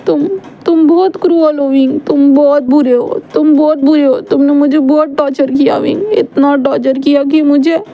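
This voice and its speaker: A heartbroken young man, drunk and tearful, rambles and repeats himself in a high, mellow voice, as a woman storyteller acts him out. It sounds like a storybook reading. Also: normal speed.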